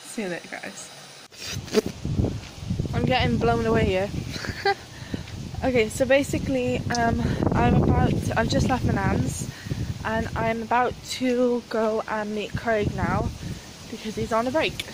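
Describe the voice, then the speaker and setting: A young woman speaking at a measured pace, her voice on the high side and fairly even in intonation, is caught with background noise. She's chatting casually and giggling as she rambles through a vlog on a phone held at arm's length, indoors in a small flat, then out on a windy street.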